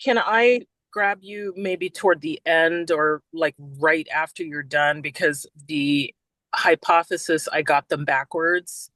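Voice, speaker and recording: A man's voice: fairly high pitch, takes it slowly, bright, forceful tone, no room sound, low-quality recording. A man asking questions in an online class, laughing at himself. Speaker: student. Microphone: computer mic on a video call.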